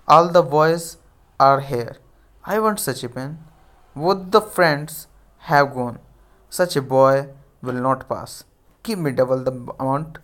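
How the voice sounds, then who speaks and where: Male teacher with an Indian accent, unhurried lecture delivery, reads example sentences word by word. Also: a little high, fairly bright tone. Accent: Indian English. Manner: explains in Hindi, reads English examples slowly and deliberately. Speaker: English grammar teacher. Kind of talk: classroom lecture.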